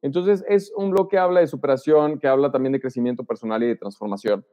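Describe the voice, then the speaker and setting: A man's voice: medium pitch, fast talker. A man speaking as an interview guest, giving social advice and acting out example lines. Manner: animated, acts out example lines. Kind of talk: casual interview talk. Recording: dull sound with long reverb.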